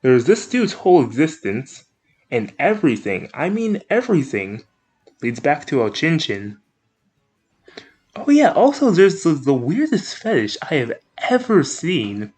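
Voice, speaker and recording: Rambling young guy with a lively voice. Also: a little high, a little slow. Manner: rambling, self-correcting, jokey; animated, up-and-down delivery. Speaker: anime reviewer, channel host. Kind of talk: casual video commentary.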